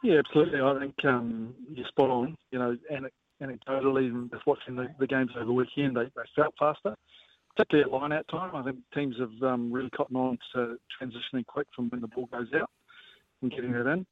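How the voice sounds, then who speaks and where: A man giving casual, measured sports analysis as a guest coach, often pausing with filler phrases. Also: medium pitch, steady tone, no room sound. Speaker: rugby coach as guest pundit. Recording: narrowband phone-like line.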